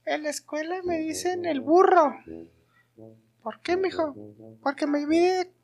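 A man doing a squeaky cheeky clown puppet. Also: steady tone, slow pace, heavily acted. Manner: squeaky put-on clown voice, crude. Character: cheeky little male clown puppet telling crude jokes. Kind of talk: party game role-play.

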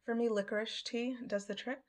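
A woman hosting a podcast, speaking in a reflective, deliberate monologue with pauses. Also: a little high, fairly even intonation. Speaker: podcast host.

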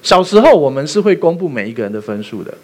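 Male pastor, husky, very lively intonation, joking sermon style. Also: on the high side, fast talker. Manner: animated, asks the congregation rhetorical questions, tells jokes.

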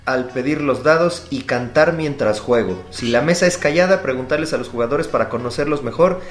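A man's voice: medium pitch, fairly quick, echoey room, soft background music. A Mexican man hosting a casual podcast, cracking crude jokes in slang. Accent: Mexican Spanish. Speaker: podcast host. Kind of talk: casual chat.

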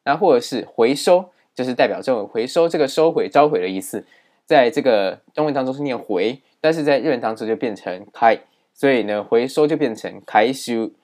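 A man teaching a language lesson in a steady explaining manner, with many fillers. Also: medium pitch, a little fast.

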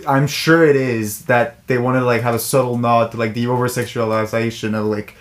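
Guy on a movie podcast explaining stuff, mid pitch, says like a lot. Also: steady tone, fairly quick, roomy sound. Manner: explanatory, lots of "like" and short agreements. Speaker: podcast co-host. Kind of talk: casual movie chat.

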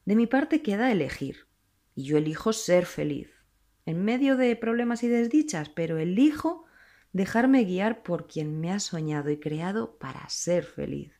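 Woman preaching, deep gravelly voice, slow thoughtful restarts. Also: expressive, warm tone. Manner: reflective, earnest, with frequent pauses and restarts. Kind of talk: sermon.

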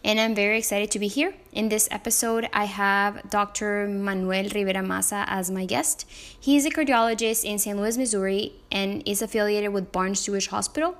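A woman's voice: mid-range voice, steady tone, moderate pace. A woman hosting a podcast, upbeat and friendly as she introduces her guest and asks questions. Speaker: podcast host. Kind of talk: casual podcast interviewing.

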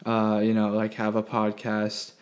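Young male podcast host, flat, low-pitched, rambling casual monologue with lots of fillers, recorded at home. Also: measured pace. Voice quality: monotone. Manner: rambling, self-deprecating, many fillers. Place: bedroom at home.

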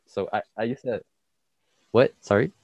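A teenage young man from Mexico guests on a casual podcast. His voice is very low, and he speaks in halting bursts with frequent restarts. The recording is dry and close. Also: vocal fry, a little mellow, no room sound. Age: teens. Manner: hesitant, halting, laughs often. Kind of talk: casual interview chat.

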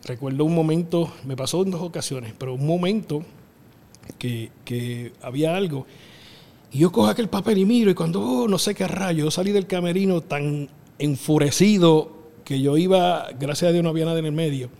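A middle-aged man with a Puerto Rican accent, telling lively stories as a wrestling booker in an interview, acting out voices and laughing often. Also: fairly high pitch, normal speed. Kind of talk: animated storytelling interview. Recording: long reverb in the room.

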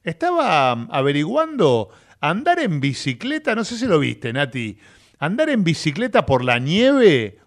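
A man with a Rioplatense Spanish accent, hosting a radio show in chatty, animated talk full of filler tags. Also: fairly high pitch. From Argentina. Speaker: radio host. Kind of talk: casual radio chat. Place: radio studio.

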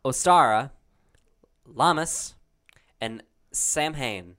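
A man casually reading Halloween trivia questions aloud to a friend, halting and restarting, laughing often. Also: medium pitch, expressive, pushed and bright. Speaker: quiz reader.

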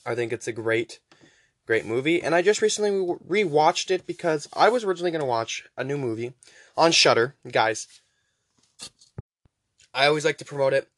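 Male podcaster with soft, w-like Rs. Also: on the high side, animated, a little fast, pauses often, no echo. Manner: weak R sounds, pronounced close to W; chatty, urging listeners on with repeated phrases. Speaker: podcast host. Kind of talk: casual rambling podcast talk.

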